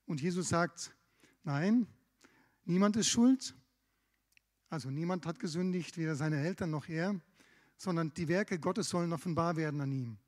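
A man's voice: fairly high pitch, a little fast. Man preaching in a reverberant hall. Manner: conversational, lively retelling of scripture with asides. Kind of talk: sermon.

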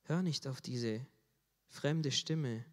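A man's voice: medium pitch, extremely slow. A man preaching a sermon in an earnest way, rising in force on key phrases. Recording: long hall reverb.

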